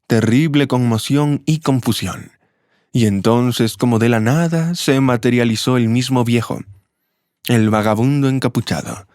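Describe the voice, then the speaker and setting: A man giving scripted narration of a story in an even, steady manner. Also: mid-range voice, measured pace, no echo, clean studio sound.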